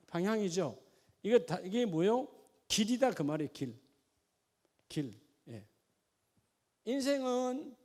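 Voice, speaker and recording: A man preaching a sermon, asking the congregation questions in a folksy way and at times dropping to a quiet, chatty aside. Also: high-pitched. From Gyeongsang region of Korea. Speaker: pastor.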